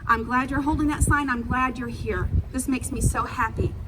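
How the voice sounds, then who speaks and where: A middle-aged woman giving an earnest, emphatic public speech at a protest, partly off the cuff, phrasing deliberately and repeating for effect. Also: sits high, fairly even intonation. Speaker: speaker at a protest rally. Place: public rally, speaking to a gathered crowd. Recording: distant mic, noisy outdoor rally sound.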